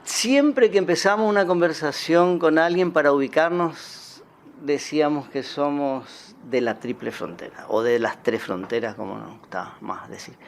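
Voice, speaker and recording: A man's voice: on the high side, moderate pace, creaky, slight background noise. A man with a Misiones Argentine accent, a puppeteer telling stories in a casual interview, acting out bits of dialogue and using plenty of fillers. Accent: Misiones Argentine Spanish. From Puerto Iguazú, Argentina. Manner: animated storytelling, acts out quoted dialogue, frequent fillers. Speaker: guest, puppeteer.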